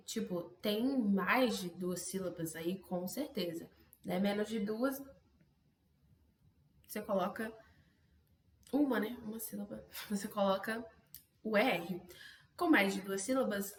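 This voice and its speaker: A Brazilian woman teaching an English grammar lesson, chatty and casual, often adding quick tag questions. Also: on the high side, a bit bright, roomy sound. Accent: Brazilian Portuguese. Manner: chatty, self-interrupting, frequent "né?" tags. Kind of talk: online language lesson.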